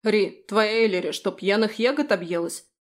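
A woman's voice: medium pitch, normal speed, close to an everyday voice. A woman reading an audiobook, voicing a small male guardian fairy who grumbles and teases. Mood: cocky. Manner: grumbling, teasing.

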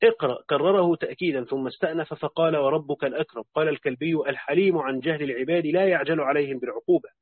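A man reading a classical religious commentary aloud in a steady, formal, recitation-like way, now and then correcting himself. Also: on the high side, racing, few pauses, breathy edge, no room sound. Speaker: audiobook reader. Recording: dry phone-like narrow sound.

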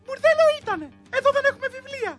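A cheeky teenage rebel shouts slogans in a very high, piercing voice. Her tone is bright and sharp. Faint music plays behind her. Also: sing-song, full character voice. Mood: defiant. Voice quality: shrill, cheeky. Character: defiant rebellious teen student occupying a school.

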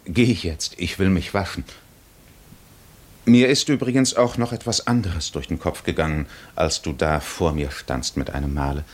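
The low-sitting male voice belongs to an actor in a 1950s German radio drama, portraying a middle-aged, weary and worldly wandering castaway hero with a gently teasing streak. His delivery is measured and musing, with fairly even intonation and a curious mood.

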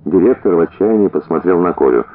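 A man reading a story aloud as narrator, changing his pitch for the different characters. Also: lively intonation, fast talker. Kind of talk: audiobook reading with voiced dialogue. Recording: tinny narrow-band radio recording.

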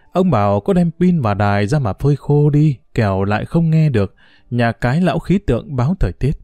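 A man narrating an audiobook in a steady storytelling manner. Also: medium pitch, dry recording.

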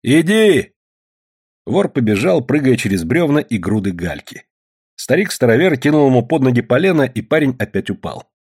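A man narrating an audiobook in an expressive, dramatic reading. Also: mid-range voice, brisk, breathy edge.

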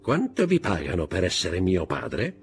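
A man's voice: low voice, huge pitch swings, a little slow, slightly rough, faint music behind, full character voice. A man voicing a scheming young man who poses as a noble son, sly and ingratiating.

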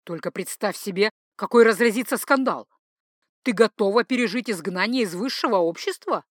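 A woman voicing a cautious young nobleman who speaks slowly and ingratiatingly. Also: mid-range voice, lively intonation, no echo, studio quality, lightly acted. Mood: coaxing. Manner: slow, ingratiating.

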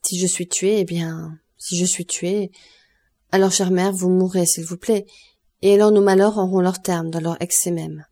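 A woman's voice: lowish voice, fairly even intonation, moderate pace, dark tone. A woman voicing an earnest young man who is a devoted son, in an audiobook reading. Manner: earnest, persuasive, forced cheer.

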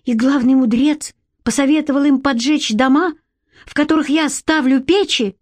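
A woman voicing a young boy who shouts in desperation, read in an audiobook. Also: high voice, moderate pace, dry recording, clean studio sound, voice pushed up, close to an everyday voice. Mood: agitated. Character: agitated young boy, the hero.

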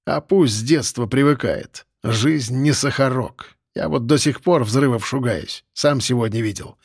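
A man voicing a sullen, spiteful male detainee who mutters low and sneers. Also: unhurried, slightly rough, no room sound, studio quality. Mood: bitter.

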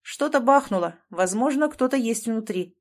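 A woman's voice: a little high, animated, moderate pace, lightly acted. Terse male rescue commander, dry clipped orders, audiobook, woman narrating. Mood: urgent.

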